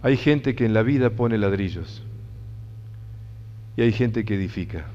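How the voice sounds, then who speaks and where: A man's voice: on the low side, a little slow, a little mellow. A man with a Rioplatense Spanish accent giving an inspirational talk to an audience, earnest and emphatic, repeating key phrases. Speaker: motivational speaker. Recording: dull sound, long hall reverb.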